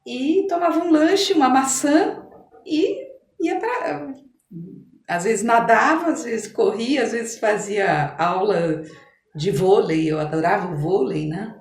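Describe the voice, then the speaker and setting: A middle-aged Brazilian woman, a physician appearing as a podcast guest, chats casually and reminisces in a conversational way. Her voice is fairly high and expressive, and she speaks slowly. The recording has a roomy echo and noticeable background noise.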